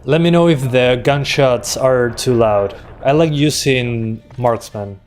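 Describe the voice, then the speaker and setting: Streaming a shooter, a relaxed tech streamer from Uruguay, in his 20s with Spanish as his first language, chats casually and responds to chat between fights. He speaks slowly at medium pitch on a desktop USB microphone, with faint gunfire from the game in the background.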